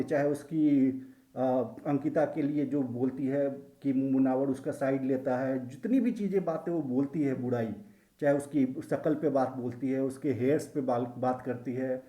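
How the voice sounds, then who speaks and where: A man's voice: mid-range voice, mellow. A man giving emphatic, opinionated commentary on a reality show, with heated, repetitive phrasing. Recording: echoey room.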